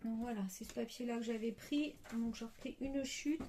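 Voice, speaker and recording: A woman's voice: fairly high pitch, fairly even intonation, normal speed, mellow, a little hiss or hum. A woman hosting a card-making tutorial, thinking aloud with many hesitations. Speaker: crafting tutorial host.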